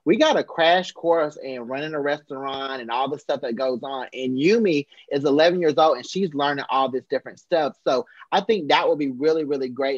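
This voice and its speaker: A man teacher in a book club discussion, telling stories in an animated way. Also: mid-range voice, no room sound, dull audio. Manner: animated storyteller.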